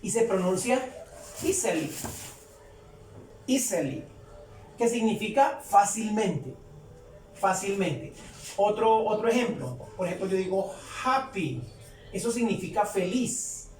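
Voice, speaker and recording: A woman teaching a lesson, explaining step by step and repeating each example slowly and deliberately. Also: medium pitch, animated, darkish tone. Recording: roomy echo, distant from the mic, faint background hum.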